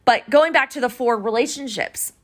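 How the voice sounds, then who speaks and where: A woman's voice: on the high side, moderate pace. A woman hosting a podcast, talking earnestly about her past relationships in a reflective monologue, her voice emotional and near tears. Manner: earnest, emotional, wandering with many restarts. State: tearful, emotional voice. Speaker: podcast host.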